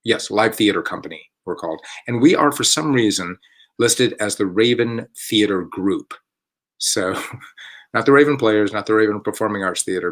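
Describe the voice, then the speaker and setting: Rambling, lower-voiced man hosting a casual chat. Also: fairly bright tone. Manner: rambling and self-correcting, with chuckles. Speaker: artistic director hosting a theater company's online chat. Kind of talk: casual live-stream chat.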